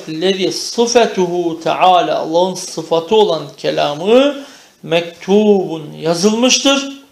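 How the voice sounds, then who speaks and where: A man's voice: high-pitched, vocal fry. A man with a Turkish accent teaching a classroom lesson, reading Arabic phrases aloud, translating each one and quizzing his students. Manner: reads a phrase then translates and questions the class. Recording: echoey room.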